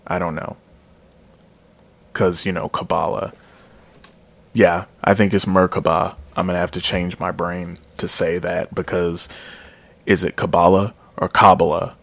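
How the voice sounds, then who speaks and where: A man's voice: low-pitched, flat delivery, measured pace, gravelly, pauses often. A man giving a casual, rambling spoken review of a metal album, often correcting himself and trailing off into mumbles.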